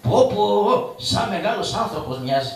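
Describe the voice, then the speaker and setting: A man's voice: high-pitched, expressive, vocal fry. A man voicing a poor, cowardly, joking male trickster of shadow theatre, who stammers and babbles in fear on a live stage. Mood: puzzled joking. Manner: fearful comic babbling, stammers, calls on his mother. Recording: echoey live stage from a distance.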